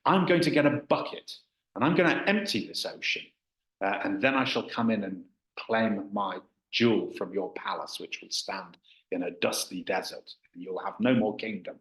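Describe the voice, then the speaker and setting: Stubborn ordinary guy yelling his vow, told by a low-voiced man, roomy hall. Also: steady tone, moderate pace. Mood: defiant. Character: defiant ordinary man vowing to empty the sea.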